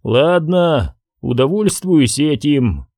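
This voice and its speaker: A man's voice: a little high, takes it slowly, no echo, studio quality, exaggerated voice. A man reading an audiobook, voicing a terse, cool criminal leader. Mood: curt. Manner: curt, flat.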